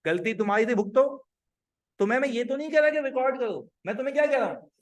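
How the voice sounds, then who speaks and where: A man teaching an accounting class with a high voice. He is animated, acts out client conversations and keeps quizzing the room. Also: very fast. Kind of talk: classroom lecture.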